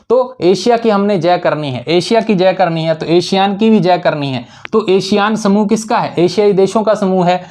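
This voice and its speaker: Memory tricks anchor this male teacher's exam-prep lesson, in which he asks and answers his own questions and repeats key terms for emphasis. His voice is high-pitched with a darkish tone.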